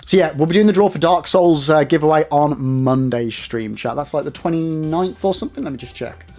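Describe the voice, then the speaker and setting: A young man chats away on a live stream, rambling and calling out to his viewers. His voice sits a little higher than most men's. Soft music plays faintly behind him. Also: fairly quick. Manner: chatty, rambling, addresses chat directly. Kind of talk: casual live-stream chat.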